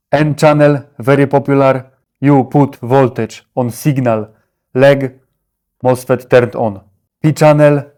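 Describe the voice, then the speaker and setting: A man presents a simple explainer at a slow pace with a mid-pitched voice. He talks like a caveman, in blunt, clipped broken English. Small words drop out, and he often stops to check that the listener follows. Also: darkish tone. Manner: short clipped phrases, often checking with "okay?".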